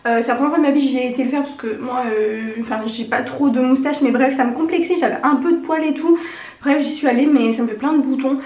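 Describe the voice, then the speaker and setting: A woman's voice: high-pitched, quick pace, a little mellow. A young woman chatting casually through a makeup review, rambling and informal, her voice slightly honking and duck-like from a cold. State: getting over a cold. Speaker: beauty vlogger. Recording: echoey untreated room.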